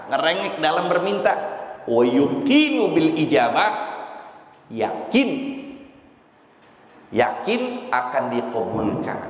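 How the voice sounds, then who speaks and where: A man teaching in a mosque sermon, reciting Arabic phrases and explaining them in lively everyday speech. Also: on the high side. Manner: animated, mixes Arabic recitation with colloquial explanation. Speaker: religious teacher. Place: mosque hall. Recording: echoey mosque hall reverb.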